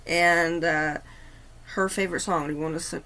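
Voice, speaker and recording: Woman, livestream host, low-pitched, earnest halting storytelling. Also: steady tone, sharp tone. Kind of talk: casual storytelling.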